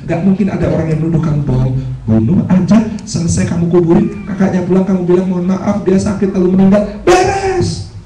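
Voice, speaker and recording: A man's voice: sits high, animated, a little fast, warm tone, faint music behind, voice pushed up. A man voicing a sly male devil who coaxes and tempts, in an echoey hall recorded from a distance. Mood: menacing. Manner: coaxing, insinuating whisperer.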